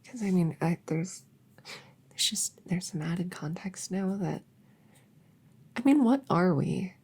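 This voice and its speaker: A shy, smitten elf woman, acted by a woman in a soft ASMR role-play. Her voice is extremely breathy with a creaky fry, and she moves very slowly through hesitant, rambling, gently caring sentences full of awkward stammers. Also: fairly low pitch, expressive, full character voice. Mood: flustered, embarrassed.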